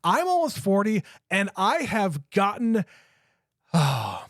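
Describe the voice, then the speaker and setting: A man's voice: high-pitched, wildly swooping pitch, slow, fairly bright tone, no room sound, studio quality. A man in his late thirties co-hosting a podcast, chatting casually, swearing freely and restarting his sentences. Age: 30s. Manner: profane, enthusiastic, stammering restarts. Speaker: podcast co-host. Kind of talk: casual chat.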